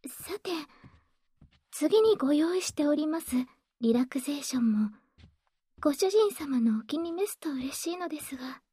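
A woman playing a gentle, devoted maid who soothes her master with formal politeness in a soft, breathy whispered role-play. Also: high voice, lively intonation, normal speed, dry recording, studio quality. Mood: calm, courteous.

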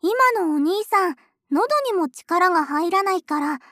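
Woman playing a teasing young woman, very high voice, coaxing, polite, dry close sound, audio role-play. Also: unhurried, a bit bright, no echo.

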